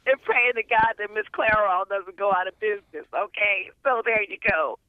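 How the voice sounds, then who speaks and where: A woman guest singer calling in to a radio show, sassy and quick to laugh, with a put-on sultry voice. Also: mid-range voice. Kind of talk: on-air phone chat. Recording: tinny phone line.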